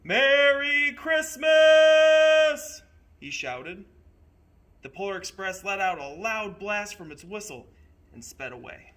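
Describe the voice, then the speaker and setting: A man narrating a children's story expressively, in a theatrical, deliberate way with dramatic pauses. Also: sits high, lively intonation, bright, forceful tone. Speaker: storyteller playing a train conductor.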